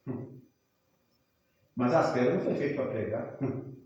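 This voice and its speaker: A Brazilian man preaching a teaching sermon, talking with the congregation in a conversational way, asking them questions and sometimes rising to a shout. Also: medium pitch, unhurried, muffled recording. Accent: Brazilian Portuguese. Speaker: pastor. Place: church hall. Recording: very echoey church room.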